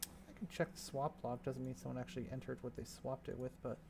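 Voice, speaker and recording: A man casually thinking aloud as he builds a game map, musing and talking to himself in an unhurried way. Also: mid-range voice, steady tone, vocal fry, darkish tone, a little hiss or hum.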